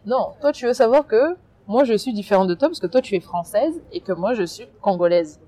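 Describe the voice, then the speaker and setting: A woman from France being interviewed, talking in an emphatic, animated way with many restarts. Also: medium pitch, brisk. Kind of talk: casual interview.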